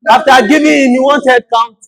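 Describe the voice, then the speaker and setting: High-pitched man firmly calling parliament to order. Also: steady tone, a little fast, creaky, a bit bright. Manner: firm, repeatedly calling members to order. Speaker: presiding speaker of a youth parliament. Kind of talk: formal parliamentary chairing.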